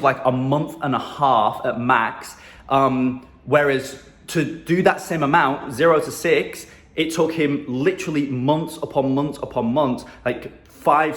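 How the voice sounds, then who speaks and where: Man talking into a handheld phone. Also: mid-range voice. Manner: loose and chatty, many fillers like "um", "and whatnot" and "right?". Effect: phone video recording. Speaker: marketing agency coach. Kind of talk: casual advice talk to camera. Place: room indoors in a new apartment. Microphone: handheld phone held at arm's length. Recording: echoey room on a phone mic.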